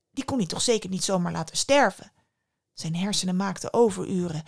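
A woman hosting a podcast, narrating a fairy tale in a calm, intimate storytelling manner with soft asides. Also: mid-range voice.

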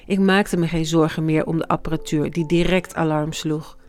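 A hushed, reflective memoir narrator. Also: medium pitch, steady tone, moderate pace. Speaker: grieving parent narrating. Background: faint music.

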